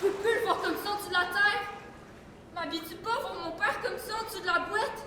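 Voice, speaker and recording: Une élève jouant une jeune endeuillée au parler haché. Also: female voice, very high-pitched, fast, bright, forceful tone. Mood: distraught. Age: teens. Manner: clipped, dropped-word phrasing. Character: grieving young woman, broken clipped speech. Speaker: student actor. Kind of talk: school stage play. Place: school theatre stage. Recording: echoey hall, audible room noise.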